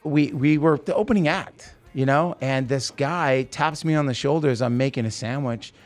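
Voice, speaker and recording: A man talking in an easy, mid-pitched voice, spinning a long anecdote and slipping into the voices of the people he quotes. A faint music bed plays under him throughout. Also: normal speed. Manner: animated anecdote teller, acts out quoted voices. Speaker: guest musician. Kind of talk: casual storytelling.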